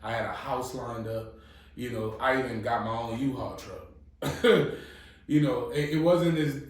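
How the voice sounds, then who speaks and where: This blunt podcast co-host hails from New Orleans, Louisiana, and his medium-pitched voice is recorded from a distance in an echoey room. Casually chatting, he delivers blunt advice with a profane, emphatic, motivational edge.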